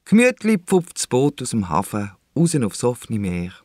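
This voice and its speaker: A man's voice: mid-range voice, normal speed, no echo, clean studio sound. A man with a Swiss German accent narrating a children's radio play. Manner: lively storytelling.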